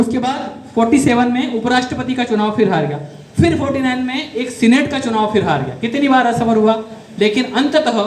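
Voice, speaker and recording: Male teacher with a Malwa Rajasthani accent, high voice, echoey classroom, drills and corrects pupils. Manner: quizzes students, repeats words to correct them. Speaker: career guidance teacher. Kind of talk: classroom lecture. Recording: echoey room with faint noise.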